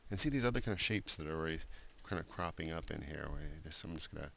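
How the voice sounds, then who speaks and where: A man giving a screen-recorded software drawing tutorial, talking loosely with many fillers and restarts. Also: extremely low pitch, lively intonation, quick pace, creaky. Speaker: art instructor.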